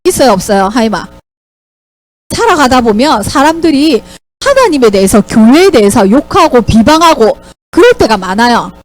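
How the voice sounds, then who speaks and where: Brief: Sunday school teacher, woman, high voice, very lively intonation, asks the kids questions. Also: normal speed. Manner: asks the children questions, animated storytelling. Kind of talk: Bible lesson for children.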